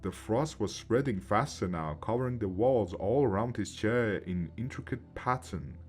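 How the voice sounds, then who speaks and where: A man reading a first-person horror story aloud in a steady, measured way. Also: on the low side.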